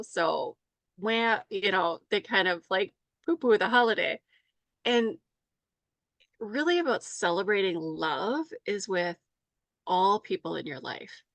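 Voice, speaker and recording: A woman's voice: mid-range voice, a bit bright, no room sound. A woman who is a health coach and guest on a talk show, speaking in an enthusiastic, upbeat casual way. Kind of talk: casual conversation.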